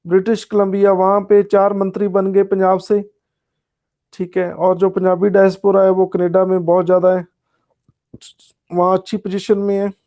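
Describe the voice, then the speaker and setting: A man's voice: sits high, completely flat delivery, normal speed, mellow. A male teacher, giving a casual online lecture and answering student chat, often saying "okay" and "yes". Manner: casual, repeats "ठीक है" and "हाँ जी" often.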